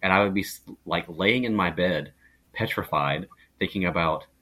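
A man's voice: sits low, normal speed, pushed and bright. A young adult man, a podcast guest, telling a story casually with rambling fillers. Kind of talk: casual conversation.

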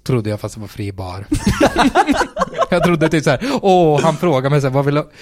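A man's voice: mid-range voice, expressive, a little mellow, dry recording. A man, a stand-up comedian telling a story in casual chat, swearing freely and acting out the quotes.

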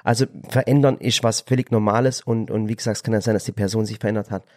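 A man's voice: on the low side, steady tone, quick pace, darkish tone. A man co-hosting a podcast, chatting casually, often stumbling and repeating his words. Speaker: podcast co-host. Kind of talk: casual chat.

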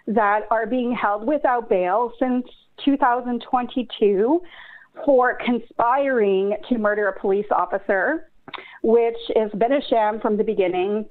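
Earnest woman caller on a phone line. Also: fairly high pitch. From Canada. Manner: earnest, urgent, getting emotional. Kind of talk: phone-in call.

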